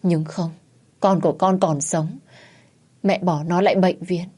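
In a steady, unhurried voice that is mellow and a little rough, a woman plays a desperate middle-aged wife and mother who is dying. She pleads and cries out, sounding shrill and frantic.

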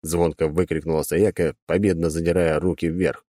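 A man's voice: low voice, flat delivery, normal speed, mellow, no room sound, clean studio sound. A man narrating a first-person audiobook in a wry, sardonic storytelling manner.

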